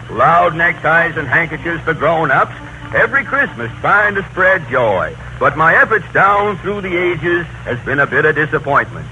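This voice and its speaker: An actor playing a grumpy, folksy old Santa Claus in 1930s radio comedy, with rustic, ungrammatical speech. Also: male voice, fairly high pitch, bright, forceful tone. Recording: noisy 1930s radio broadcast recording.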